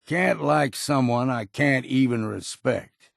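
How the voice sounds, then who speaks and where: An actor playing a gruff, stubborn old seafarer in a video game, with a gravelly, raspy voice and a plain-spoken, folksy, weary but loyal manner. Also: male voice, mid-range voice, slow, no room sound, studio quality. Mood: gruff, guarded. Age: older. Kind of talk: video game character dialogue.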